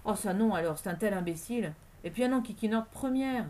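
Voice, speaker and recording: A woman's voice: mid-range voice, lively intonation, fast talker, darkish tone, slight background noise, natural voice. A woman reading the lines of a hesitant young male gang member who hedges and mumbles. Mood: uneasy.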